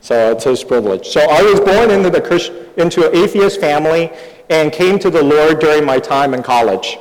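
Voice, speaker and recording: Pitched a little high with lively intonation, this middle-aged guest preacher pauses after every sentence so his sermon can be interpreted in short phrases. Born in Taiwan and raised abroad, he speaks from the pulpit of a large church hall on a Sunday morning, and the recording rings with long reverb.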